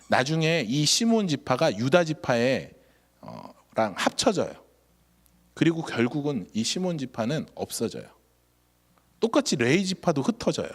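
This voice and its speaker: A man's voice: medium pitch, husky. A male pastor preaching a sermon, telling a story and asking the congregation rhetorical questions.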